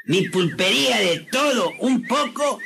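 An actor playing a proud, boastful village shopkeeper, in a radio comedy. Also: male voice, very high voice, lively intonation, a little slow, vocal fry, noisy background, heavily acted. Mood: bossy. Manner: boastful, sly, uses vos.

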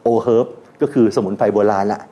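On a radio talk show, a man with a medium-pitched voice appears as a guest brand owner, speaking at a moderate pace in a muffled recording. He tells stories about his brand animatedly, mixing in English terms and laughing.

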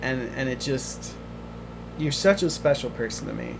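A man hosting a podcast in casual chat, emotional and halting, often restarting his words. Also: medium pitch, animated, creaky, noisy background. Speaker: podcast host.

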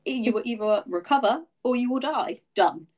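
A woman's voice: a little high, lively intonation, moderate pace, a little mellow. Chatty woman hosting a podcast. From England. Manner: chatty, empathetic, thinks aloud. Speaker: podcast host. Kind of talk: casual interview chat.

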